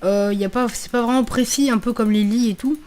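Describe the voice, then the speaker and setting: A woman's voice: fairly high pitch, fairly even intonation, a little fast, darkish tone. A woman giving casual, slangy let's play commentary, swearing freely and thinking aloud as she repeats her phrases. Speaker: gaming video creator.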